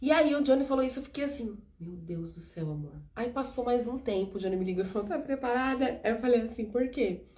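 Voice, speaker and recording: A woman's voice: fairly high pitch, fast talker, few pauses. A woman in her thirties from São Paulo with a Brazilian accent, hosting a casual faith testimony chat and acting out the dialogue as she tells it. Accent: São Paulo Brazilian Portuguese. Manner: animated storytelling, acting out dialogue. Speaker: host.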